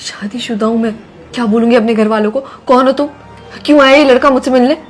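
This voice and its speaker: A woman's voice: a little high, fast talker, soft background music, close to an everyday voice. A woman playing a scheming young married woman in a scripted drama, with an insistent, scolding way of talking. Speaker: daughter-in-law character. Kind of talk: scripted Hindi short-drama acting.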